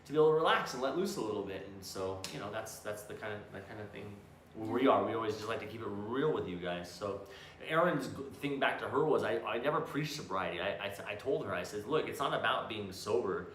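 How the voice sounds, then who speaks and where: Talking fast and animatedly in a lowish, fairly bright voice, this co-host tells blunt, profanity-heavy stories full of restarts during a casual chat. There's a roomy echo and a faint hum of background noise.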